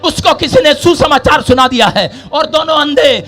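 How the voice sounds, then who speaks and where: Casting: fiery male preacher, very high and bright, shouting repetitive lines, faint music behind. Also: moderate pace. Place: church service before a congregation.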